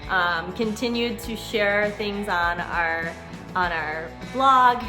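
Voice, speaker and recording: Over music, a middle-aged American vlogger speaks slowly in a mid-range voice as she shares her personal story. She's conversational, earnest and reflective, putting emphasis on key words.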